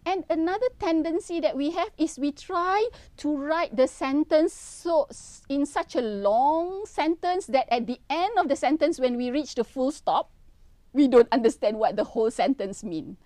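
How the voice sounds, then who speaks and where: Lively woman lecturing. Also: sits high, dry recording. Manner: earnest, instructive, repeats key points. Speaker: university professor. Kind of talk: university lecture.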